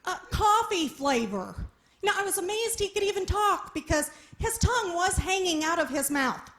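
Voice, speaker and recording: A woman's voice: extremely high pitch, moderate pace, fairly bright tone. A woman performing a stand-up comedy set, telling a story and acting out the people in it, laughing at her own jokes. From small town. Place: live comedy venue with audience.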